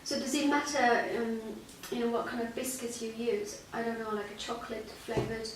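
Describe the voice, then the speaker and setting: A woman hosting a casual lesson chat, laughing often and filling pauses with ums. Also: on the high side, steady tone. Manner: giggly, many fillers. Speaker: host. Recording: roomy echo, distant mic, faint hiss.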